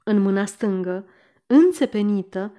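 Steady woman narrating an audiobook. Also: mid-range voice. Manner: steady, measured reading. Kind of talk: scripted narration.

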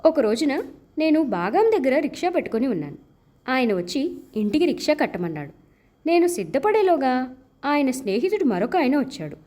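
A woman narrating a literary short story as an audiobook in an expressive, measured storytelling manner, giving the characters' dialogue its own voices. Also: sits high.

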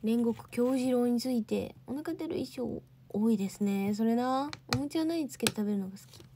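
A woman's voice: fairly high pitch, normal speed, noisy background. A young woman hosting a casual livestream, chatting and answering viewer comments. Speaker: idol livestream host.

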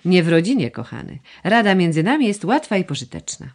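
Woman narrator voicing a plaintive aristocratic mother; gushing, coaxing, lively sing-song reading. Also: on the low side, a little fast. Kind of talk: audiobook dialogue reading.

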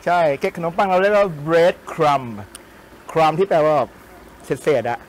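Man, co-host, food trivia, chatty and explanatory, slightly raised pitch, faint background noise. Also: unhurried. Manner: chatty, explanatory, playful asides. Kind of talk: casual cooking-show chat.

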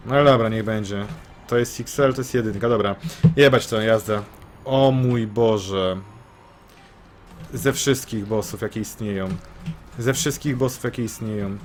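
Excitable man commentating a game. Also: fairly low pitch, normal speed, slight background noise. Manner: excitable, swears, repeats phrases in bursts. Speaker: gameplay commentator. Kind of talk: let's play commentary.

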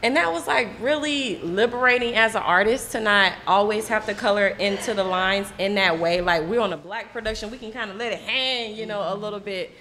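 A woman's voice: medium pitch, a little fast, few pauses, pushed and bright. A woman actor speaks in a roundtable discussion. She talks reflectively and earnestly about her work, with faint noise in the background.

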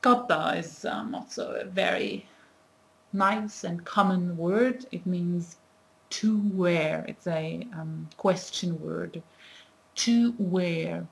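A young woman in her twenties, a language teacher whose first language is not Nepali, gives a casual lesson to a webcam at desk distance in a small indoor room with a plain wall. She talks in a chatty, thinking-aloud way full of fillers. Her voice is on the low side, gravelly, steady in tone, and slow.

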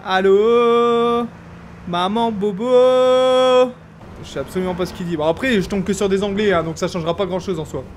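A young man from France giving casual, animated commentary as he streams a game. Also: sits high, rapid-fire, few pauses. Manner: chatty, animated, jokey, exclaims loudly. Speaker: gaming streamer. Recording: faint background noise.

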